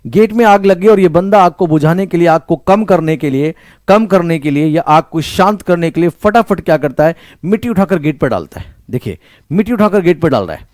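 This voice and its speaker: Man, Indian English accent, vocabulary teacher, repeats and quizzes, fairly high voice, dry close sound. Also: lively intonation, brisk, a little mellow, no room sound. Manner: repeats key words and quizzes the listener; mixes Hindi with English phrases. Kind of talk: online vocabulary lesson.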